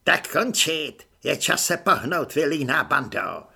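A man's voice: medium pitch, sing-song, sharp tone, husky, full character voice. A man doing a barking, bullying army corporal. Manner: barking, scornful.

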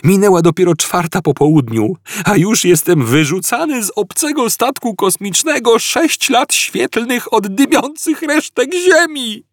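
Arthur, a shrill panicky Englishman. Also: expressive, unhurried, hardly any pauses, dry recording, clean studio sound. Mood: indignant. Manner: shrill, wailing complaints. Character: panicky put-upon Englishman, shrill and whining.

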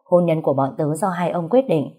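A woman's voice: deep voice, fairly quick, warm tone, slightly rough. A woman voicing a bubbly, pampered young rich woman who talks chirpily and sweetly.

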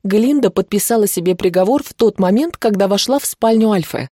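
A woman narrating a first-person fantasy audiobook in an even, measured reading. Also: mid-range voice, no room sound, studio quality.

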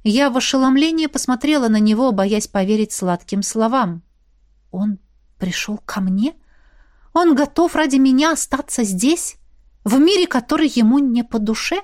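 A woman narrating an audiobook in the first person, with emotional, expressive storytelling, recorded dry and close. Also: fairly high pitch, normal speed, dry recording.

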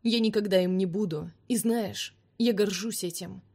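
A woman voicing a fierce, scornful vampire man in an audiobook, speaking forcefully and commandingly. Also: medium pitch, normal speed, breathy edge. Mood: cold.

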